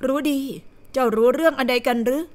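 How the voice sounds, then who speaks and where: A woman reading an audio novel as narrator, in steady storytelling delivery. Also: high-pitched, very fast. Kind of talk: scripted narration.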